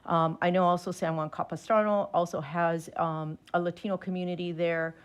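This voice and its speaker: A woman's voice: on the low side, fairly even intonation, normal speed, clean tone. A woman commissioner thinking aloud in a public meeting debate over a video call, hesitant and full of fillers. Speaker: redistricting commissioner.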